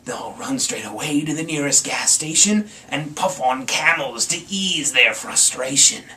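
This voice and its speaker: A man's voice: mid-range voice, animated, measured pace, sharp tone. A man voicing a sly, grumpy Christmas monster, theatrical and gloating, in a storybook reading. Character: sly, gleefully nasty Grinch, grumpy scheming Christmas monster. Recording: distant mic, faint background noise.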